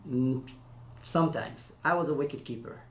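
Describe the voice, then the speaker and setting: Speaking medium-pitched and a bit bright, this former interpreter from Afghanistan hesitates and halts through non-native English, often starting over. He's an interview guest giving casual answers. The recording has room echo and faint hiss.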